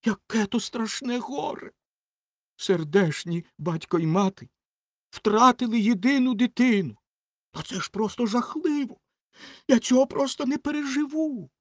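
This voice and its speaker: A man's voice: very high voice, expressive, unhurried, dry recording, studio quality, pitched above the performer's own voice. A man voicing a vain, self-pitying female rocket firework in a haughty, theatrical way. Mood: melodramatic.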